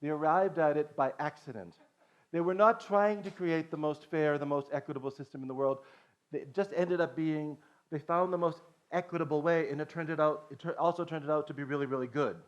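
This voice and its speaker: A middle-aged man from Boston, a native English speaker and language teacher, gives an earnest conference talk. His voice is on the high side and his pace brisk, and he often restarts and says "okay." The recording is dull and lo-fi.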